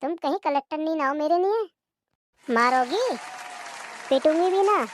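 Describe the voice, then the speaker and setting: A voice artist voicing a stubborn, sharp-tongued young daughter-in-law who talks back in rustic speech, for a cartoon. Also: high-pitched, lively intonation, normal speed, some chatter behind, slight background noise. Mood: defiant. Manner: defiant, rustic dialect.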